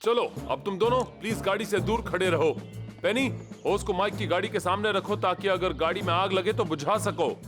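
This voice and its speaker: A man voicing a calm, steady fireman hero in a cartoon dub, giving clear instructions. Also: high voice, normal speed, lightly acted. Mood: instructing. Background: music.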